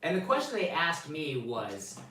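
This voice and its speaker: A jovial man in his forties hosts a relaxed interview chat, his voice bright and a little raised in pitch. He laughs easily and turns earnest when he thanks his guests. He sits back from the mic in an echoey room with faint noise behind. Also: measured pace, recorded from a distance. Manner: jovial, laughs often, softens when sincere. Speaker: channel host interviewing guests. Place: hotel room at a theme-park resort.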